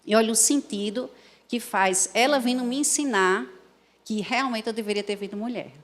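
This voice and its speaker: A woman panelist speaking softly and reflectively. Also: on the high side, normal speed. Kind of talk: panel discussion.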